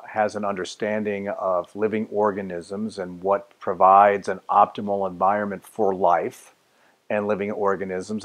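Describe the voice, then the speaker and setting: A man in his sixties introducing his course in a measured, explanatory way, filmed in a large meeting room. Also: fairly low pitch. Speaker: course teacher. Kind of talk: direct-to-camera introduction.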